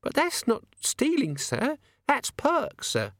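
A man's voice: extremely high pitch, wildly swooping pitch, takes it slowly, fairly bright tone, no echo, studio quality, pitched above the performer's own voice, full character voice. A man voicing a nervous, humble young maid in an audiobook, timid and polite. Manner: timid, adds "sir" to everything. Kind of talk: audiobook character voice.

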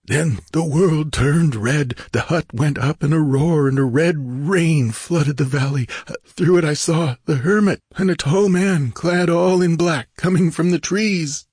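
A gloomy, frightened bandit, voiced by a man reading aloud in a storybook. The voice sits high above the narrator's own, strained and fearful. It has a husky, breathy edge, recorded close and dry. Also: unhurried, darkish tone, dry recording. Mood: gasping. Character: frightened, superstitious male bandit.

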